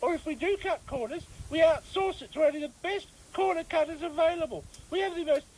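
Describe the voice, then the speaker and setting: A performer voicing a chatty, self-important male dog in a radio comedy sketch, in a squeaky put-on voice. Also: a little fast, darkish tone, rough recording.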